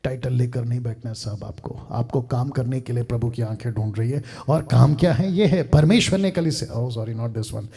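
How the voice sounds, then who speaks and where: A male pastor preaching a sermon, mixing in English phrases, swinging from loud emphasis down to near-murmurs. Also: mid-range voice, moderate pace, vocal fry, few pauses, breathy edge.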